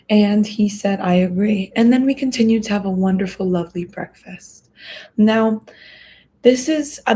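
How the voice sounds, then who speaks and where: A young woman in her twenties hosting a podcast, talking through advice in an earnest, reflective way, pausing and restarting as she thinks. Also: mid-range voice, dark tone, slight background noise. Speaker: podcast host. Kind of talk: casual advice talk.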